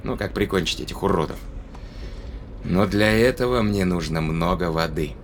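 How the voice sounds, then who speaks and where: In an audio drama, an actor voices a decisive spaceship crewman who reasons aloud and barks orders while planning a counterattack. His low-pitched voice moves at normal speed, urgent and commanding. A little hiss or hum sits under the recording.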